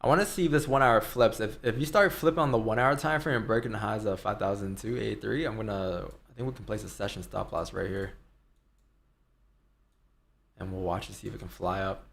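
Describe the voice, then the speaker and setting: A man's voice: lowish voice, a little fast, gravelly, a bit bright. A man giving casual live commentary as a stream host, rambling informally and thinking aloud.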